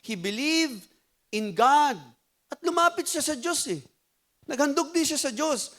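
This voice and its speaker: A man with a Filipino accent preaching a sermon as pastor, mixing Tagalog and English in an animated, conversational way. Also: very high-pitched, measured pace.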